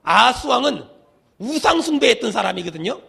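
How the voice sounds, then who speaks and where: Male pastor, middle-aged, bright and lively delivery, shouted refrains and hushed asides. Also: very high-pitched, brisk, gravelly, breathy edge. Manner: preaching with call-and-response, swinging from loud shouts to hushed asides. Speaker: senior pastor. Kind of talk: sermon.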